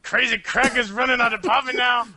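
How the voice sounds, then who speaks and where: A man's voice: extremely high pitch, little pitch movement, a little fast, pushed and bright. A man co-hosting a casual gaming podcast, throwing in wisecracks and laughing. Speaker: podcast co-host. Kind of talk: casual banter.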